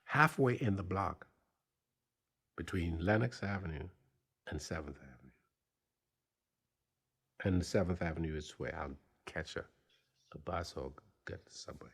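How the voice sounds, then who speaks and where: An older man tells a personal story at a slow, deliberate pace. His voice sits low, and he halts and restarts as he acts out the remembered dialogue. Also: creaky, fairly bright tone, slightly rough. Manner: measured, halting, with pauses and restarts. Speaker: speaker telling a life story.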